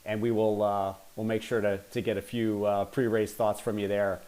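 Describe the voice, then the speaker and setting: A man's voice: fairly low pitch, flat delivery, normal speed, darkish tone. A man hosting an amateur podcast, talking in an easygoing way with fillers. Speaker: podcast host. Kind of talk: casual podcast interview.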